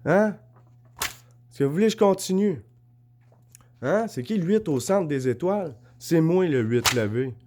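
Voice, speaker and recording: A man's voice: on the high side, lively intonation, unhurried, long pauses, a little mellow, slight background noise. A man with a Québécois French accent, rambling in a casual monologue to camera, insistently asking if he is understood while showing his notes and drawings. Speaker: vlogger.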